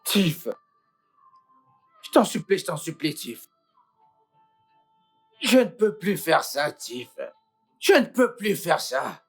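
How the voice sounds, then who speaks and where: A woman's voice: lowish voice, very animated, slow, long pauses, slightly rough, faint music behind, full character voice. A woman dubbing a panicked young husband in a French film dub, groaning, pleading and exasperated. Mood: despairing.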